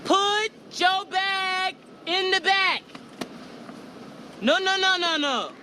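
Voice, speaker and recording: An actor playing a rude, impatient male FBI detective who talks fast, shrill and bossy, swearing freely. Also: big pitch swings. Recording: film clip with loud street noise.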